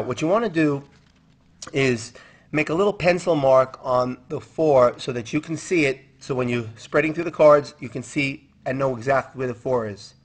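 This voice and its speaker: A man with a medium-pitched voice delivers card magician patter in an instructional way. He walks through each move step by step, counting things off and putting questions to the spectator. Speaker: magician demonstrating and teaching a card trick.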